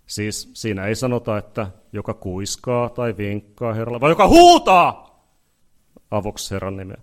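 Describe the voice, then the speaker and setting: Earnest pleading preacher man, low voice. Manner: earnest, pleading, repeats phrases, builds to loud peaks. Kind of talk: evangelistic sermon; leads a spoken prayer.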